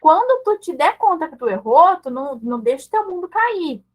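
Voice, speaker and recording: A woman's voice: high-pitched, very animated, normal speed, rough recording. A woman giving an online mentoring talk to parents on raising bilingual children. She speaks conversationally, often checking in with short tag questions and acting out example dialogues between parent and child. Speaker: mother teaching her child English.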